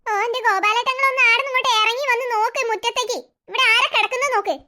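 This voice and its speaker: A harried mother grumbles about her chores and bosses her husband around, voiced by a cartoon voice actor. The voice is very high and bright, and it moves at a quick clip. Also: fairly even intonation, full character voice. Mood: alarmed. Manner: complaining, bossy. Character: busy mother, harried and sharp-tongued. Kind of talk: cartoon voice acting.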